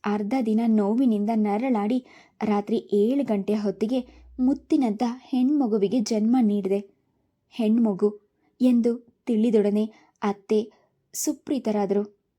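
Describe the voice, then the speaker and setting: A woman narrating a heartfelt family story in the first person, with a calm reading manner. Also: mid-range voice, slow, pauses often.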